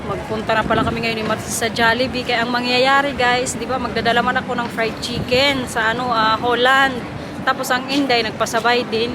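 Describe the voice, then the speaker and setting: High-voiced Filipina vlogger on noisy streets. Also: female voice, little pitch movement, brisk. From Philippines. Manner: chatty, giggly, mixes English into her talk. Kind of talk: casual travel vlog chat. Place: busy city streets and shops. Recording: noisy street phone recording. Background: crowd and traffic noise.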